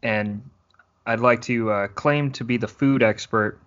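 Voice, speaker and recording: A man's voice: medium pitch, unhurried, fairly bright tone, highs cut off. A man guesting on a casual podcast, laid-back with dry humor.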